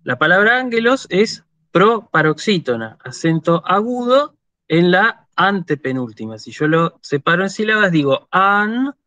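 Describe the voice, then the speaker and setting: A man with an Argentine Spanish accent gives an online university lecture, patiently checking in with his students as he explains. His high voice is very animated and sharp in tone, at normal speed. The recording is dull, lo-fi and dry, with no room sound.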